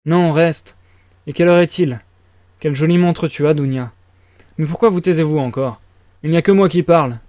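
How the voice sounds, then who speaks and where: A man's voice: a little high, normal speed, pauses often, a little mellow, no room sound, close to an everyday voice. A man voicing an irritable feverish young student. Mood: agitated. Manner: abrupt, agitated outbursts. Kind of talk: audiobook reading.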